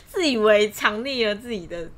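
A woman's voice: mid-range voice, moderate pace. A young woman co-hosting a podcast, chatting casually and laughing often as she tells stories. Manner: laughs often, animated retelling. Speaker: podcast co-host. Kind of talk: casual storytelling chat.

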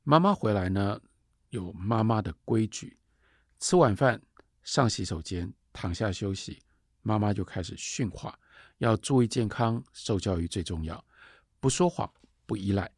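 Gravelly, lively male lecturer. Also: fairly low pitch, unhurried, no room sound, clean studio sound. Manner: retells scenes, quoting characters. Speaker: literature lecturer. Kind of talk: storytelling lecture.

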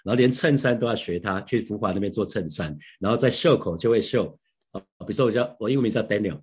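A man's voice: on the low side, quick pace, darkish tone, slightly rough. A middle-aged man, a preacher giving a devotional Bible sharing in a conversational way, often repeating and restarting phrases and asking rhetorical questions.

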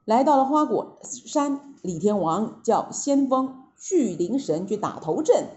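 Woman storyteller, high animated voice, expressive children's story, dull lo-fi sound. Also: unhurried.

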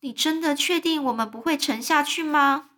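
A woman voicing a gentle, chatty lady ladybug in a storybook reading, speaking softly and confidingly. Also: high voice, normal speed, voice pushed up. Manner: soft, confiding.

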